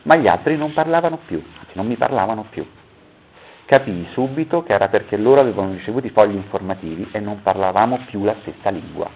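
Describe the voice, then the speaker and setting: A man's voice: lowish voice, animated, quick pace, a little hiss or hum. A man reading a story aloud at a public talk, stopping now and then to correct his own misreadings. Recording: tinny phone-like recording.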